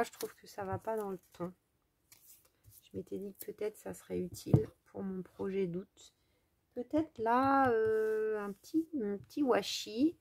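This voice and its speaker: A woman with a French accent talks her viewers through a craft project in a relaxed, chatty way. Her voice has a steady gravelly creak, and she pauses often to think aloud, filling gaps with hesitant fillers. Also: mid-range voice. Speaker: crafting vlogger. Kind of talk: casual craft-along chat.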